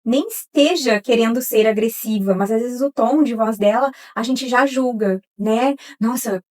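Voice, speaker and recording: A woman co-hosts a relaxed podcast chat. Her voice sits a little higher than most. She tells her stories quickly and with a lively, impulsive energy. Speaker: podcast co-host.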